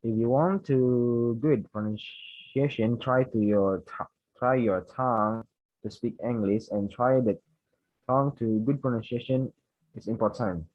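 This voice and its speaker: A young man from Indonesia with an Indonesian accent, a student giving a class presentation, reading prepared points haltingly and correcting himself. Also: mid-range voice, dry recording, lo-fi sound. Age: young adult.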